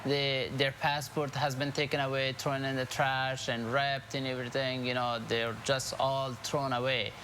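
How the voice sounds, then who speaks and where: Halting Afghan-born man in an interview. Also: mid-range voice, level tone, fairly bright tone, a little hiss or hum. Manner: halting, many fillers, emotional. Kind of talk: news interview.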